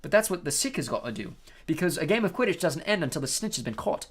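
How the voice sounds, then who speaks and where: A reader voicing a weary, resigned teenage schoolboy who answers flatly and heavily. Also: mid-range voice, quick pace, husky, pitched above the performer's own voice. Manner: flat, heavy, resigned.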